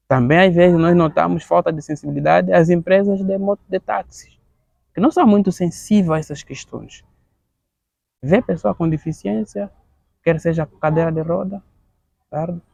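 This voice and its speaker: Halting gravelly man with an Angolan accent. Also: high-pitched, darkish tone, no echo. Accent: Angolan Portuguese. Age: 30s. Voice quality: gravelly, halting with frequent word repetitions. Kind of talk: earnest interview testimony.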